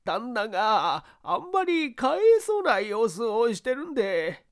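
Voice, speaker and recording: A woman's voice: fairly high pitch, very animated, unhurried. A woman voicing a simple, earnest old male servant who talks in a thick rural dialect. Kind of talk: audiobook character reading.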